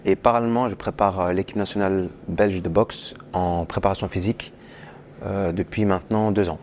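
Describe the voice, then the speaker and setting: Un homme qui répond calmement en interview, sur un ton mesuré, en hésitant de temps en temps. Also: male voice, deep voice, a little hiss or hum. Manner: calm, measured, with hesitations. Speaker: head coach of a team.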